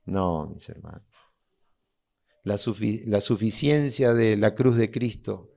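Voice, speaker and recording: A man's voice: mid-range voice, gravelly, a little mellow. A middle-aged man with an Argentine accent preaching a sermon as pastor, asking his congregation rhetorical questions and acting out quotes. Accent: Argentine Spanish.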